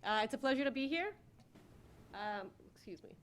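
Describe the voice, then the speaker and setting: A middle-aged woman, born in Ecuador and raised in Florida, introduces herself at a city commission meeting as the newly hired city communications director and a former newscaster. Her voice is slightly high and a bit bright, animated and moderately paced, with a little hiss or hum in the recording.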